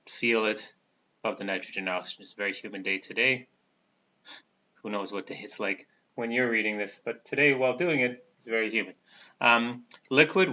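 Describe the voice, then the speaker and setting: Male lecturer, low and bright-toned, casual halting delivery; dull lo-fi recording. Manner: casual, halting, many fillers. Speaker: chemistry lecturer.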